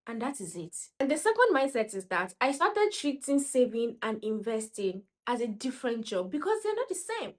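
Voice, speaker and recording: A woman in her 20s, a personal finance vlogger, talks to camera in a casual, motivational way. Her voice is slightly high and sing-song, at a normal speed with hardly any pauses. She's emphatic, repeats her points, and acts out quoted voices.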